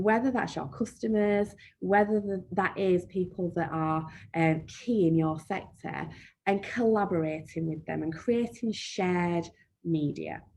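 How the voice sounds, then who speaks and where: A woman with a broad Yorkshire accent, speaking in a fairly low voice as she runs a marketing webinar. Her delivery is chatty and down-to-earth, often broken by "um" fillers, with a faint hiss under her speech. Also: creaky, mellow. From Yorkshire, England. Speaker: marketing trainer. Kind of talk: live webinar presentation with Q&A.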